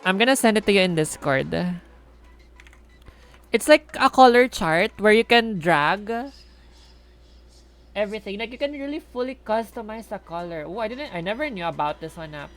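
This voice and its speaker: A woman with a Filipino accent chats casually on a game livestream, switching between English and Tagalog. She's playful, blunt and swears, speaking at a moderate pace in an expressive mid-range voice with frequent pauses.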